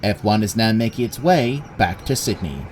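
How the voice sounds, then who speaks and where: A man's voice: on the low side, lively intonation, normal speed, darkish tone, a little hiss or hum. A man giving plain, factual scripted narration in a railway documentary style.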